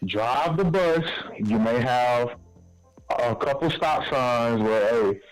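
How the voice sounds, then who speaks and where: Male caller, very slow easygoing delivery, folksy sayings, faint music bed. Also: medium pitch, rough recording. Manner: laid-back, folksy sayings. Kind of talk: casual sports call-in talk. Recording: phone-in call with music behind.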